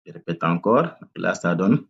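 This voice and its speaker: A man teaching tajwid, patiently breaking down each word and repeating it slowly to correct common student mistakes. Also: low voice, expressive, creaky, slightly rough, dull audio. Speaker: Quran recitation teacher. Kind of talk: tajwid lesson with demonstrated recitation.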